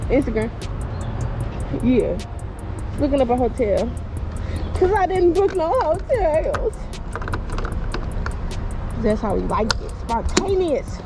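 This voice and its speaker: A woman's voice: sits high, very animated, takes it slowly, pauses often, music in the background, low-quality recording. A woman motovlogger chatting casually to her viewers. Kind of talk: casual vlog chat. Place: outdoors at roadside stops.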